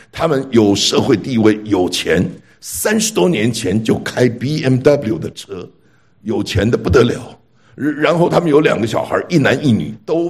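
A man preaching a sermon through a personal story, with an animated delivery, rhetorical questions and stammered restarts. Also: lowish voice, breathy edge.

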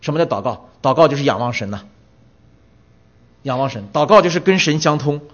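Animated man preaching, lo-fi sound. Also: medium pitch, fairly quick. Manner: animated storytelling, rhetorical questions, voice swells when emphatic. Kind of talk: sermon. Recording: dull lo-fi sound.

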